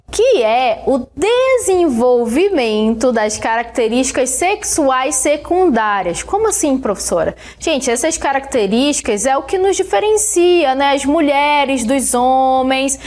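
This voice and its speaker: A woman teacher with a Brazilian Portuguese accent giving a recorded science lesson, explaining step by step and often checking in with her students. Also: high voice. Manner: explains slowly, checks in with "né?" and "tá bom?".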